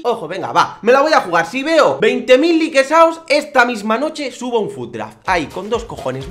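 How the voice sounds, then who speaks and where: A man with a Spain Spanish accent, commenting on a game pack opening, excitable, pleading and swearing at the game. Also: sits high. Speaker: gaming YouTuber.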